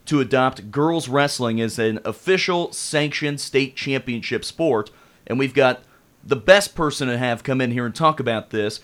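A man with an American accent hosting an upbeat sports talk show on the radio, in a studio. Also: medium pitch.

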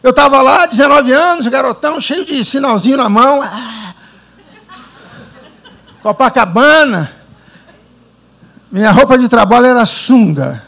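A man from Brazil preaching a sermon, telling his own story with dramatic pauses and animated delivery. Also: extremely high pitch, vocal fry. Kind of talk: sermon with personal testimony.

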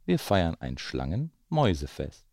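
A man's voice: low-pitched, wildly swooping pitch, unhurried, vocal fry, a little mellow, no room sound, studio quality, full character voice. A man voicing a coaxing snake in a rhyming children's story, drawing out his words. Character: slithery snake, coaxing and sly.

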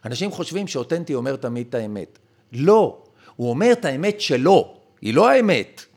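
A man's voice: fairly high pitch, big pitch swings, darkish tone, husky. A male podcast guest explaining his ideas in an emphatic, lecturing way. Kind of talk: conversational explanation.

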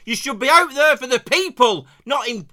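A man's voice: high voice, animated, moderate pace, pushed and bright. A man playing a blunt, hot-headed conspiracy-group member, bursting into indignant rants. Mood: ranting. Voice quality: ranting, indignant outbursts. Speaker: assistant co-host. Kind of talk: comic character podcast.

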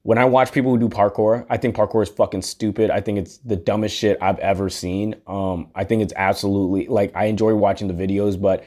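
Lowish-voiced man musing aloud. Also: fairly even intonation, fairly quick, hardly any pauses, a little mellow. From United States. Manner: earnest, rambling, swears casually. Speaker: podcast host. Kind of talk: casual solo monologue.

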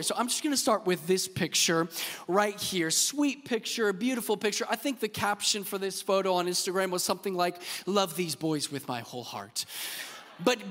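Man in his 30s, high-pitched pastor telling funny family stories from the stage; long hall reverb. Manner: lively, joking storyteller talking straight to the crowd. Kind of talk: sermon with personal stories. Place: church stage.

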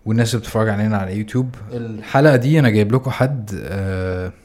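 A quick-talking man with an Egyptian Arabic accent and a somewhat low voice. He hosts a casual podcast chat, informal and self-deprecating. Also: darkish tone. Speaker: podcast host.

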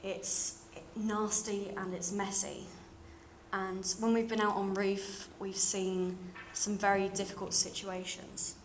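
Speaking slowly and in a level tone, a young woman with a medium-pitched voice shares her personal testimony with a church congregation. She is from London and has a modern British accent that is slightly RP, and her manner is earnest and plain. Room ambience and background noise are clear in the recording.

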